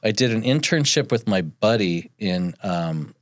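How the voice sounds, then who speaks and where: Low-voiced man telling a rambling story. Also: animated, unhurried, no room sound, studio quality. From North Dakota. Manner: rambling, with frequent fillers and restarts. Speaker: chef and entrepreneur, podcast guest. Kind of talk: casual storytelling interview.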